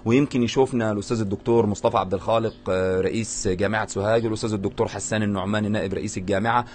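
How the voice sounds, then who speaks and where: Rapid low-voiced Egyptian reporter. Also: male voice, fairly even intonation, a little hiss or hum. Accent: Egyptian Arabic. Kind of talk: news interview.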